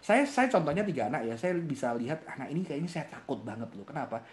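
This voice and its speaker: Animated man speaker, laughing often. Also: on the high side, fast. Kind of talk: seminar talk answering youth questions.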